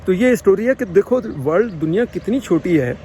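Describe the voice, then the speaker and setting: A man from Pakistan, telling a personal story in a casual, animated way and acting out the dialogue. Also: high-pitched, a little hiss or hum. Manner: animated, acts out quoted dialogue. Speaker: vlogger.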